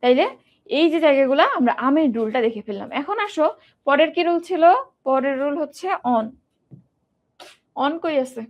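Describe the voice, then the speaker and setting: A woman's voice: high voice, normal speed, long pauses. A young woman teaching an exam-prep grammar lesson, asking the students questions and repeating words in drills.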